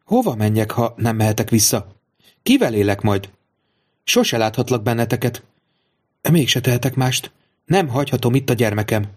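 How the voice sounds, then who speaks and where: A man's voice: mid-range voice, lively intonation, long pauses, darkish tone, natural voice. A man reading aloud, voicing a torn, tender young mother in an earnest tone. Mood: distressed.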